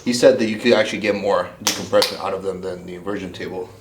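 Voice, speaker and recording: A young man from Ukraine vlogging his bodybuilding prep in a relaxed, chatty way, full of fillers and restarts. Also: low voice, fast talker, very noisy. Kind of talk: casual vlog talk.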